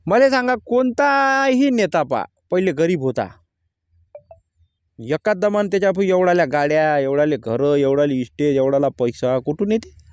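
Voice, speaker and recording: A man's voice: on the high side, expressive, normal speed, no echo. A man, a farmer vlogging casually from his field and speaking bluntly about crop prices. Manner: plain-spoken, rising to angry complaint. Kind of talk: casual vlog talk to camera. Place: outdoors in a farm field.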